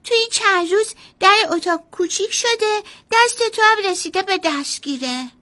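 A woman voicing a small, chatty toy rabbit in a children's storybook tale, with fast, high, perky chatter. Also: sharp tone.

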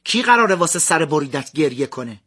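A man's voice: fairly high pitch, sing-song, sharp tone, slightly rough, heavily acted. A man voicing an arrogant enemy champion who sneers and mocks his opponent. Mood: sneering. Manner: sneering, mocking.

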